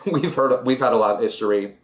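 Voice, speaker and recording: A man's voice: mid-range voice, slight background noise. Man, casual vlog chat, campy, dramatic asides, giggly. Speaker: vlogger. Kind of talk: casual movie recap while doing makeup.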